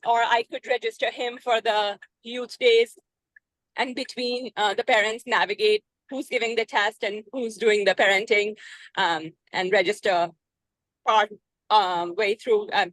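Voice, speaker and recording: A woman's voice: a little high, a bit bright, no echo, low-quality recording. A woman, a parent, asking hesitant questions on a group call while driving her car, with many filler sounds and apologies. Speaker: parent of a gifted child. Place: inside a moving car.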